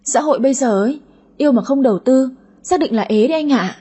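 A woman voicing a greedy, sulky daughter in her thirties with a high, whiny voice in an audio story. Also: fast talker, mellow, husky. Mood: coaxing. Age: 30s. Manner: whiny, cheeky.

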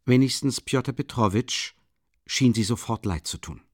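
A man narrating a classic novel in a measured, expressive storytelling manner. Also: medium pitch, slightly rough, dry recording, clean studio sound. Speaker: audiobook reader. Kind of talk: scripted literary narration.

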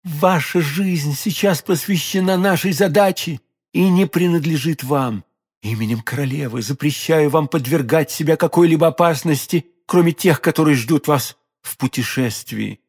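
A man voicing a devoted young woman in an audiobook, hushed, pleading and fearful. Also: fairly high pitch, moderate pace, slightly rough. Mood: imploring. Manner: hushed, pleading, often whispered.

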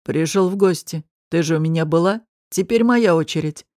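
A woman reading an audiobook voices a domineering, menacing man who talks in a low, slow, mocking, threatening way. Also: mellow, dry recording, clean studio sound, close to an everyday voice.

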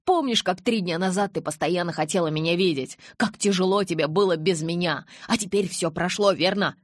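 A woman voicing a pushy young male werewolf who pleads loudly and insistently. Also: on the low side, a little fast, no echo, clean studio sound, lightly acted. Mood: pleading.

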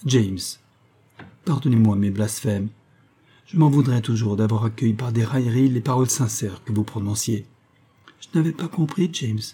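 A man's voice: medium pitch, normal speed, mellow, breathy edge, lightly acted. A man reading aloud, voicing a tender young actress who speaks earnestly and with emotion. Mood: emotional.

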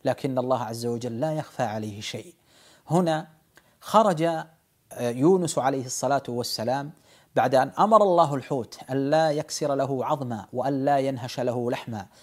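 A man presents a religious lesson in a mid-pitched voice. He tells the story in measured, formal phrases and pauses to explain words and points as he goes. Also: darkish tone. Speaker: host of a religious lesson programme.

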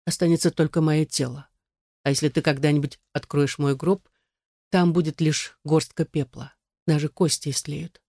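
A man reading the lines of a frail, bitter dying old woman in an audiobook, with a quiet, sorrowful delivery. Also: a little high, steady tone, moderate pace, no echo, studio quality. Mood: grieving.

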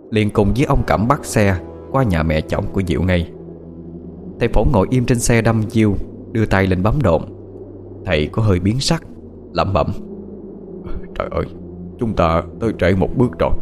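A man's voice: on the low side, lively intonation, normal speed, long pauses. A man narrating a ghost story in a dramatic, suspenseful way. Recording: soft music behind the voice.

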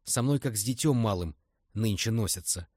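A man reading aloud and voicing a headstrong young woman, a witch, in a sharp, indignant tone. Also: on the low side, moderate pace, breathy edge, no room sound, clean studio sound, voice pushed up. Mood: tearful.

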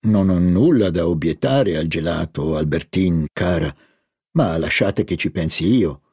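Man doing a low, guarded indulgent lover. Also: expressive, a little slow, a little mellow, husky, no echo, clean studio sound, exaggerated voice. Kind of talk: audiobook character voice.

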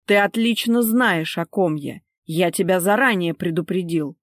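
A woman's voice: lowish voice, unhurried, dry recording, studio quality. Stern commanding husband, read by a woman. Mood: stern cold. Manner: clipped, sarcastic, commanding.

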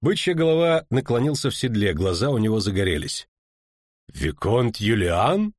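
Narrator: man, lively intonation, dry close recording. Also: medium pitch, fast talker, no echo. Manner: expressive storytelling. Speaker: audiobook narrator. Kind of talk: scripted narration.

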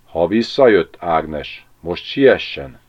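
A man's voice: sits low, lively intonation, highs cut off. A man reading an audiobook and voicing a flustered village man who speaks urgently in a raised voice. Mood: commanding.

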